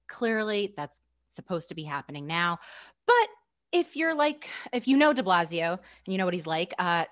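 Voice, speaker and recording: A woman hosting a school webinar over a video call, chatty and upbeat, laughing often and using lots of fillers. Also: mid-range voice. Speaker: webinar host for school staff. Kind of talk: casual presenting on a video call.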